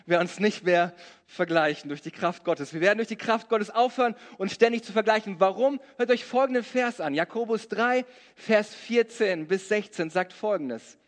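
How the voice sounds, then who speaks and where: High-voiced preacher man in a big hall. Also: moderate pace. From Germany. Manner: preaching with humorous storytelling. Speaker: pastor. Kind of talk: sermon. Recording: long reverb of a large hall.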